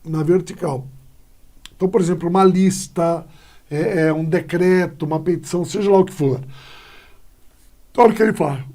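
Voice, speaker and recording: A man's voice: high-pitched, fairly quick, long pauses, warm tone. A male Brazilian Portuguese teacher explaining punctuation in a classroom lesson, often checking in with short tags as he points to examples.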